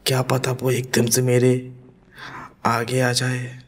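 A man hosting a gaming channel, giving horror gameplay commentary in a deliberately quiet, hushed voice with nervous self-talk as he explores. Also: medium pitch, monotone.

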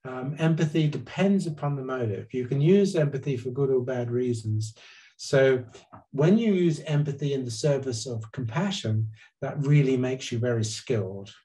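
An older man, a guest psychologist, explains things earnestly on a video call from his living room, picked up by his webcam. His voice is medium-pitched and mellow at a normal speed. He gestures with his hands and frequently restarts his sentences.

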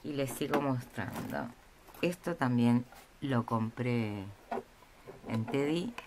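Slow, hesitant woman showing crafts. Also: a bass voice, lively intonation. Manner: slow, hesitant, with many pauses and fillers. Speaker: craft vlogger showing a haul. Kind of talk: casual show-and-tell narration. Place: indoors at a table. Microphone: camera over a tabletop, speaker off-screen. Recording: noisy room with crinkling packaging.

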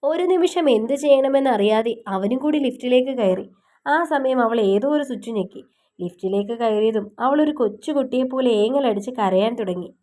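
A woman's voice: on the high side, fairly quick, dark tone. A woman narrating a romance audiobook and chatting to her listeners while congested with a cough. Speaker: storyteller, channel host.

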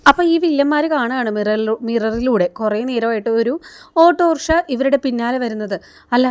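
A woman's voice: a little high, fairly quick, a little mellow, smooth. A woman recounting the plot of a television serial in a chatty storytelling manner. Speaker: serial review narrator. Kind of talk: plot recap narration.

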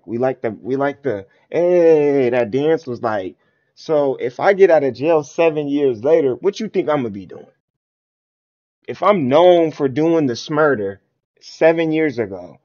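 A man's voice: medium pitch, a little mellow. A man streaming live, chatting loosely and reacting to a music video, with lots of slang and filler questions to his viewers. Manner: loose slangy talk addressed to chat, frequent filler questions. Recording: dull lo-fi stream audio.

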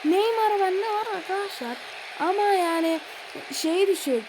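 A woman giving live commentary on her own football video game, excitable and easily frustrated, shouting when goals come. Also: very high-pitched, measured pace. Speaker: gaming video creator. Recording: loud background noise.

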